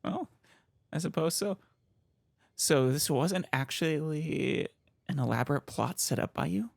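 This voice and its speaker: A woman's voice: low-pitched, lively intonation, measured pace, creaky, no echo, clean studio sound. A woman doing casual let's play commentary, musing aloud and reacting as she goes. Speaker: let's player.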